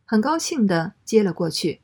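A woman reading a first-person story aloud in a steady, matter-of-fact way. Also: mid-range voice, moderate pace, husky.

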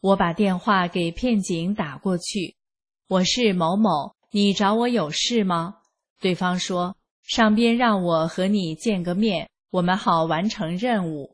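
A woman reads a first-person account at an unhurried pace, her delivery calm and even. Her voice is soft and slightly breathy, with measured pauses between phrases. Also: fairly low pitch. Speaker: reader. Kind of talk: scripted first-person narration.

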